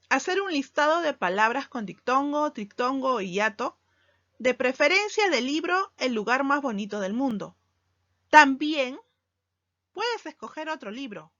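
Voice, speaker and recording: Woman teacher, slow deliberate lesson delivery, lo-fi sound. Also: sits high, fairly bright tone, dry recording. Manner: slow, deliberate, stresses key words. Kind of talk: recorded grammar lesson. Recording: dull lo-fi sound, dry.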